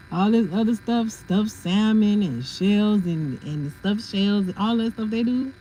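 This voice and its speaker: A woman's voice: medium pitch, measured pace, mellow, slight background noise, rough recording. A woman hosting a casual livestream, chatting and laughing as she answers viewers' comments. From family from South Carolina. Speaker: livestream host.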